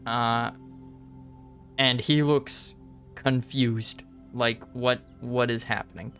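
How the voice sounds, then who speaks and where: Slow-paced man running a tabletop game. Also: medium pitch, fairly even intonation, a bit bright. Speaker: game master. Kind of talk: narrating a tabletop role-playing game. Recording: music behind the voice.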